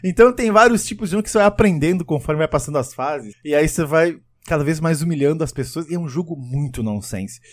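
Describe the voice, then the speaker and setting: A man's voice: fairly high pitch, fast talker, hardly any pauses. A man chatting casually and animatedly about a video game, often laughing and acting out what people say. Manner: animated, laughing, acts out quotes.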